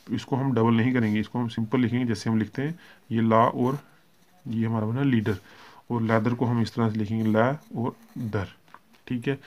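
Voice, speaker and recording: A man's voice: mid-range voice, lo-fi sound. A man with a Hindi accent teaching a shorthand lesson, explaining steadily, checking in often and correcting himself, mixing English terms into his Hindi. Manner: steady explaining, frequent "ठीक है" check-ins and self-corrections. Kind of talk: classroom lesson explaining strokes.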